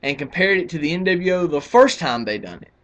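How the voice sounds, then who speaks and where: A man's voice: a little high, very animated, fairly quick, muffled recording. A man in his twenties ranting casually to camera as a wrestling vlogger, argumentative and rambling with frequent restarts. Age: 20s.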